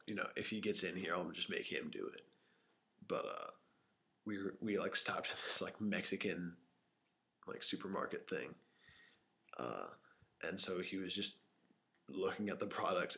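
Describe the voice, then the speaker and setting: A man's voice: low-pitched, fairly bright tone. A young man telling rambling stories to his camera in a small empty room, with many fillers, sometimes dropping to a whisper. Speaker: vlogger. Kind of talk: unscripted casual storytelling to camera. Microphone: camera microphone.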